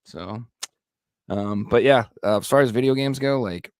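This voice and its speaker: A man's voice: medium pitch, a little slow, a little mellow, clear, resonant tone, no echo, clean studio sound. A man hosting a casual chat, talking in an informal, slangy way.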